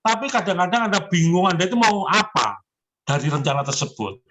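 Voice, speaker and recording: A man's voice: sits high, sing-song, fairly quick, fairly bright tone. A man in his seventies giving personal zodiac readings on a call. He speaks in an encouraging, emphatic way and addresses the listener respectfully. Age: 70s. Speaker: zodiac fortune consultant.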